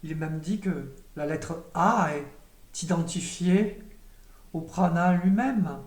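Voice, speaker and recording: A woman giving a spiritual teaching in a calm, measured, meditative way, with occasional hesitations. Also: on the low side. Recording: roomy echo, voice from a distance.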